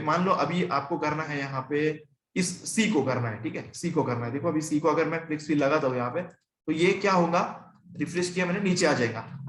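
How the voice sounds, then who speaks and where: Chatty Indian coding teacher, slightly high voice. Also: male voice, fairly bright tone, echoey room. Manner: conversational, asks and answers own questions, often checks in with "ठीक है". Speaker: programming teacher. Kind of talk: screen-recorded coding tutorial.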